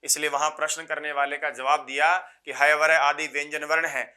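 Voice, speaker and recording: Male Sanskrit teacher for an exam-prep lecture: bright, somewhat high voice, slow repetitions and questions to the class. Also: level tone. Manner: repeats key phrases slowly, asks students rhetorical questions; recites Sanskrit rules in a measured chant.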